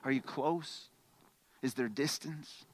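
A man preaching a sermon as pastor, conversational, stumbling over repeated words, swinging between loud emphatic bursts and quiet questions. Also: medium pitch, slow pace.

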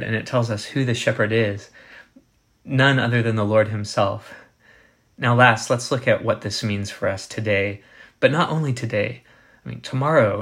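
Male preacher, mid-pitched, deliberate and emphatic sermon delivery. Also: fairly bright tone. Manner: measured, emphatic, slows on quoted scripture. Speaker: pastor.

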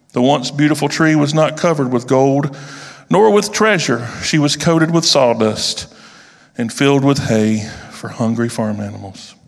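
A man reading a storybook aloud, slow and with deliberate pauses. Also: on the high side. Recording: long reverb of a large hall.

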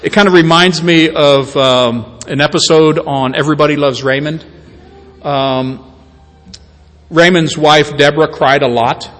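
A man preaching with a somewhat high voice, talking to his congregation in an easy, conversational way. He stumbles and restarts his sentences now and then and pokes fun at himself. His voice carries a long reverb from a large hall. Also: fairly even intonation, measured pace, a bit bright. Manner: conversational, stammering restarts, self-deprecating. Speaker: pastor. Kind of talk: sermon.

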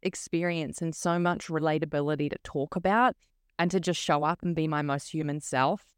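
A woman's voice: sits low, steady tone, normal speed, clean tone, no room sound, studio quality. A woman podcast host with a broad New Zealand accent, speaking informally and effusively as she interviews.

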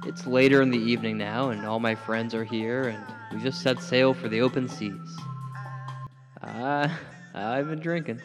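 Deadpan man narrating a comic tale. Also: medium pitch, normal speed, big-room sound, over music. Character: oblivious shady man narrating his own story.

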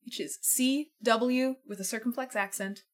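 A woman's voice: fairly high pitch, fairly even intonation, moderate pace. A woman hosting a radio show from a living room studio, chatty and patient as she explains words, often laughing. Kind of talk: casual chat.

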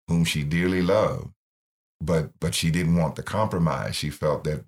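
A middle-aged man, founder of a ministry, earnestly telling his life story in an interview and acting out the voices he quotes. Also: rumbling low. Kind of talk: personal testimony in interview.

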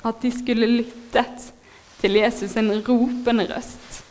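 A woman with a fairly high voice delivers a sermon. She speaks in a heartfelt, moved way, pausing with fillers between thoughts. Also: fairly even intonation, a little hiss or hum. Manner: heartfelt, moved, laughs softly, pauses with fillers. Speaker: preacher.

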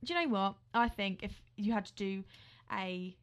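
Young female co-host, mid-pitched, playful, casual news reading. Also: moderate pace. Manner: playful, reads quotes aloud, jokey. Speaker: podcast co-host.

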